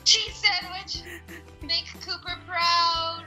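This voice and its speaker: Young woman, very high, piercingly bright voice, switching between cartoon impressions, music behind. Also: steady tone, extremely slow, poor audio. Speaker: YouTuber doing a cartoon impressions challenge. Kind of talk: playful challenge banter.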